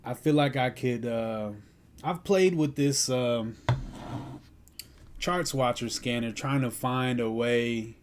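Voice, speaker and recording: A young man with a mid-range voice hosts a day trading livestream, speaking slowly over a noisy background. He chats casually in a laid-back, slangy way, chuckling now and then.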